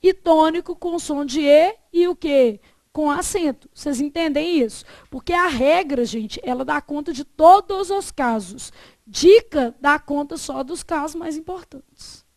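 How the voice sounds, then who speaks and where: A Brazilian woman teacher lecturing a class on grammar, her voice pitched high. She keeps checking in with the students through short tag questions, and the sound is dry and close with no room echo. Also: measured pace, a little mellow.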